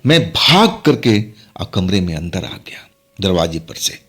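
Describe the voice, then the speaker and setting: A man's voice: low-pitched, very animated, a little slow, a bit bright, breathy edge. A man telling a first-person horror story in a dramatic, suspenseful way. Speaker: narrator. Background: faint music.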